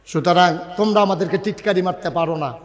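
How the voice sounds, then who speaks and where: Male preacher, high voice, rustic humorous sermon, shouts and slow drawn stresses, long hall reverb.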